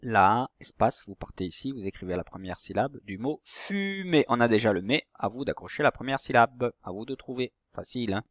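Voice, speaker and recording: Man, primary teacher, slow patient delivery, drawn-out syllables, dry close sound. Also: mid-range voice, lively intonation, no room sound. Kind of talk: recorded reading lesson for young children.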